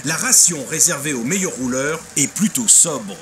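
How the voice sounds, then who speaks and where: A man's voice: fairly high pitch, animated, normal speed, background noise, close to an everyday voice. A man delivering a scripted race introduction as a sports commentator in a cycling game.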